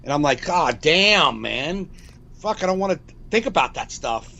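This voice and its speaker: A man's voice: a little high, lively intonation, unhurried, vocal fry, sharp tone, dull audio. A man in his forties, a comedian co-hosting a podcast, rambling in casual chat over a video call, repeating himself and swearing freely. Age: 40s.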